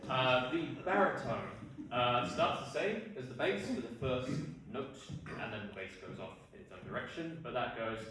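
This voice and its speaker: A man teaching barbershop song parts to an audience, unhurried, singing example notes between his explanations. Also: medium pitch, lively intonation, pushed and bright, slight background noise. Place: hall with an audience. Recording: echoey hall, distant mic.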